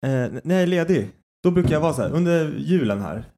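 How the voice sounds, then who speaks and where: A man's voice: on the high side, animated, warm tone, slight background noise. Rambling Swedish man, young parent. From Sweden. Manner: swearing, laughing, rambling storyteller. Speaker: podcast co-host. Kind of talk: casual chat.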